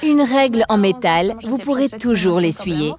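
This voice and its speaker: A woman's voice: a little high, lively intonation, a little slow, a crowd in the background. A woman nail instructor explaining a technique step by step in a chatty, instructional way. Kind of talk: instructional demo chat. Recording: music playing behind.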